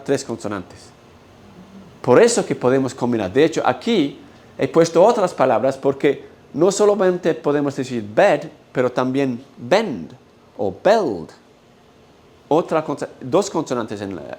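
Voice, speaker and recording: Man, Spanish, lecture delivery, mid-pitched voice, keeps checking listeners follow. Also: darkish tone. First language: English. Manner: explains patiently, checks in with "¿no?" and "¿ok?". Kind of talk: university-style lecture. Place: lecture hall.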